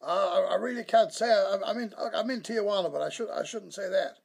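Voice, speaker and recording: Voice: mid-range voice, fairly quick, creaky, breathy edge, pitched above the performer's own voice. A performer putting on a sleazy, evasive fugitive male preacher who calls in over a speakerphone, stammering and talking down to the host. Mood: smug. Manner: stammering, smug, patronizing. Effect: heard over a speakerphone. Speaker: caller. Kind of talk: comedy sketch.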